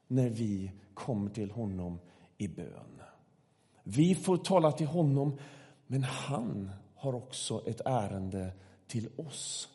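A middle-aged man preaching a calm, measured sermon with slow pauses, then leading a prayer. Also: mid-range voice. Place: church. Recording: long church hall reverb.

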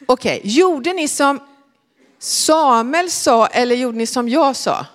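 Animated woman telling a children's Bible story. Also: sits high, in a large hall. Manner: animated, questioning the listeners.

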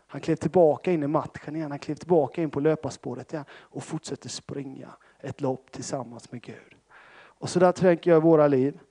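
A man's voice: a little high, mellow. A Swedish man from Småland preaching a sermon as a pentecostal pastor, telling stories with self-deprecating humor and many fillers. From Sävsjö, Småland, Sweden.

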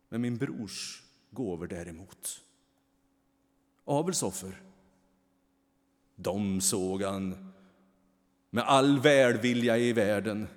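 A man reading a storybook and voicing the boy Cain, shrill and indignant, close to shouting, with a long hall reverb. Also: natural voice. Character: angry defiant young male Cain, a boy.

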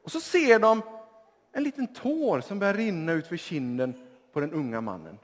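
Lively male preacher in a church. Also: on the high side. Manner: lively storytelling, addressing the congregation. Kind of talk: sermon. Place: church hall. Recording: church hall reverb.

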